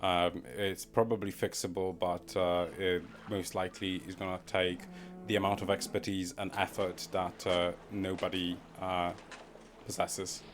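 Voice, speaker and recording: A man's voice: low-pitched, little pitch movement, a little slow, a little hiss or hum. A man casually commenting as he plays a game on a live stream, rambling and muttering to himself and chuckling at his own wordplay. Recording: background music under the voice.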